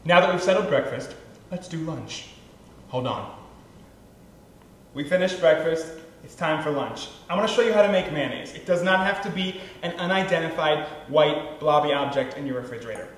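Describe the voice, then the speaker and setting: High-voiced playful cooking show host. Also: male voice, normal speed, very echoey. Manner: chatty, playful and upbeat, addressing viewers directly. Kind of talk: scripted cooking demonstration. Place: kitchen.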